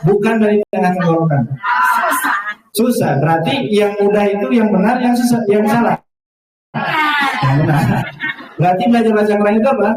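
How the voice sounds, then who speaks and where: A man's voice: high voice, fairly quick, pauses often, heavy background noise. A man teaching adults to recite the Quran, patiently asking the class questions and modeling the Arabic sounds for them to repeat. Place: large echoey hall. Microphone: far from the mic. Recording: very echoey, distant hall recording.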